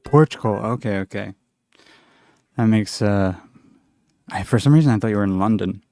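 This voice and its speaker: A man hosting a casual livestream chat over a video call, relaxed and halting with fillers. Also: lowish voice, dry recording. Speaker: host.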